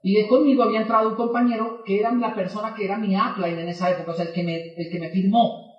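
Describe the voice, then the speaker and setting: A man with a very high voice tells a story to an audience and acts out every exchange in lively back-and-forth. He sounds set back from the mic, in a roomy, echoing space. The sound is a little dull. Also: fast talker, far from the mic. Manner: animated, acts out both sides of dialogues. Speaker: motivational speaker.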